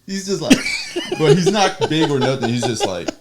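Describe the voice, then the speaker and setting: A man chatting as a podcast guest, telling a personal story in an animated way, acting out quotes and laughing often. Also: a little high, moderate pace, over a noisy crowd. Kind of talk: casual storytelling chat.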